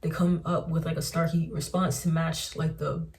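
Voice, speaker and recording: A woman's voice: deep voice, little pitch movement, moderate pace, a little mellow, distant mic. A young woman telling a storytime in a chatty way, filling her talk with "like". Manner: chatty, fills with "like", recounts texts. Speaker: vlogger. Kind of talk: casual storytime vlog.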